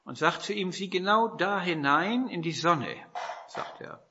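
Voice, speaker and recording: A man's voice: high voice, lively intonation, a little slow, pushed and bright, muffled recording, a little hiss or hum. A man from northern Germany preaching a sermon, telling stories with rhetorical questions and quoted dialogue.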